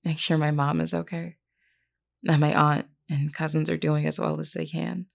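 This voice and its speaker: Playing a vampire queen in an intimate audio roleplay, a woman speaks with a low, creaky voice and little pitch movement. Her words to the single listener are formal, measured, and reassuring, gentle and candid, with a wistful feel.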